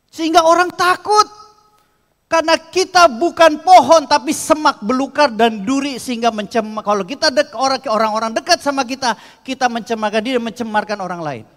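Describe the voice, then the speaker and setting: A man preaching a sermon as pastor, moving from quiet teaching to loud, impassioned prayer. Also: very high-pitched, brisk. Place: church hall. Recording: long church reverb.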